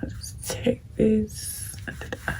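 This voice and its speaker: Whispering at an unhurried pace, a young vlogger with a scratchy, darkish-toned voice does her makeup and offers get-ready-with-me advice. She's casual yet blunt and preachy, talking directly to viewers.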